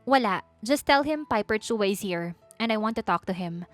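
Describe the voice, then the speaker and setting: A woman voicing a shy, heartbroken young heiress who speaks softly and pleadingly. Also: mid-range voice, lively intonation, moderate pace, no echo, soft background music, natural voice. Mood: determined. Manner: tearful, soft and pleading.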